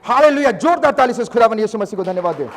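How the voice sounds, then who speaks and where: Male pastor, animated sermon delivery, lively and theatrical, reverberant hall sound. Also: extremely high pitch, rapid-fire, some chatter behind. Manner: animated preaching mixing Hindi and English, acting out voices.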